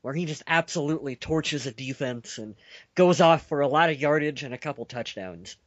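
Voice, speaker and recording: A man's voice: on the high side, expressive, a little fast, no room sound. A man co-hosting a sports podcast, rambling and joking and correcting himself as he goes. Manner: rambling, jokey, self-correcting. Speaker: podcast co-host. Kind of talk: casual sports chat. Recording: dull lo-fi podcast audio.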